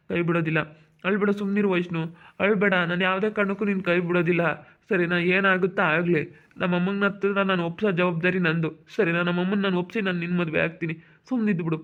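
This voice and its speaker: Fast-talking young man, reassuring. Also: high-pitched. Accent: central Karnataka Kannada. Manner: reassuring, repetitive, soothing. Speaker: vlogger. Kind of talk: emotional couple conversation. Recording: tinny phone-like sound.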